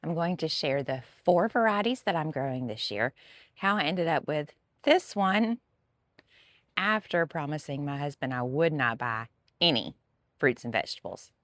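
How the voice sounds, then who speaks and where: A woman's voice: sits low, animated, moderate pace, fairly bright tone, dry recording. A woman, a gardening vlogger telling a chatty, dramatic story to camera.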